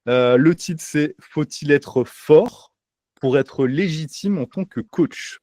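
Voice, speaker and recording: A man's voice: a little high, takes it slowly, dry recording. Guy hosting a chill podcast, lots of euh and restarts, dry close sound. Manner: relaxed, many fillers and restarts. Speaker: podcast host. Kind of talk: casual podcast chat. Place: home by the sea.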